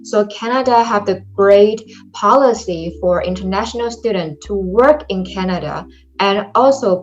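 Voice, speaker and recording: In a muffled recording, a young woman from China with a medium-pitched voice gives an online presentation for a study-abroad program. She speaks careful English with a Chinese accent and keeps saying um.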